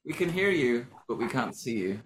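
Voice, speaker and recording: A man's voice: mid-range voice, very animated, moderate pace. A man hosting an open mic in a loose, jokey way. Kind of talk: casual event hosting. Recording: echoey room with loud noise.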